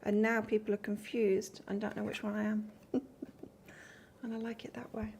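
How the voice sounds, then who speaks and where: Gravelly-voiced woman with mixed English-Australian accent. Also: mid-range voice, completely flat delivery, moderate pace, a little mellow, a little hiss or hum. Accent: mix of northern English and Australian. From north of England. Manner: chatty, rambling, chats with viewers between cards. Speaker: tarot reader. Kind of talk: live-stream tarot reading, casual chat.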